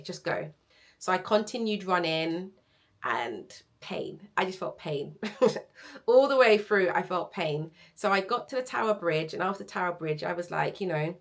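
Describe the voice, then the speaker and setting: A woman telling a story casually to viewers as a running vlogger, animated and candid, acting out what people said. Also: mid-range voice. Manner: animated, candid, acts out quoted speech.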